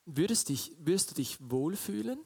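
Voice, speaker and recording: A man's voice: animated, normal speed, vocal fry, slightly rough. Man preaching a sermon to a congregation. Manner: rises louder and higher when retelling scripture; asks the congregation direct questions.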